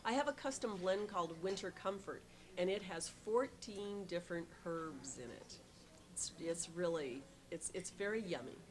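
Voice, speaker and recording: A woman's voice: fairly low pitch, expressive, normal speed. A middle-aged woman who runs a tea shop, answering interview questions with many ums and restarts and an eager tone.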